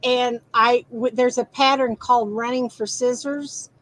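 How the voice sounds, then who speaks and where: A woman's voice: fairly high pitch, fairly even intonation, a little slow, fairly bright tone, poor audio. A woman co-hosting a live quilt shop broadcast, chiming in casually with friendly remarks. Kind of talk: casual live-stream chat.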